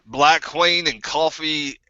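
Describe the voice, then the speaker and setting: A man's voice: a little high, fairly even intonation, slow pace, bright, forceful tone, smooth, no room sound, heavily acted. A man playing a bitter, crude ex-member of a group, with a put-on New Zealand accent and a rambling, stammering way of talking. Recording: dull lo-fi recording.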